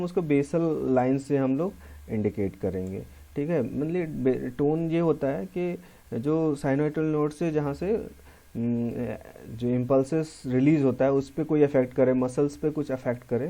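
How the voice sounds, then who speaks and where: Male pharmacy lecturer, Hindi accent, very dark mellow tone, patient explanatory delivery. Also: on the high side. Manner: explanatory, repeats key terms, mixes English terms into Hindi. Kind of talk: classroom lecture walkthrough.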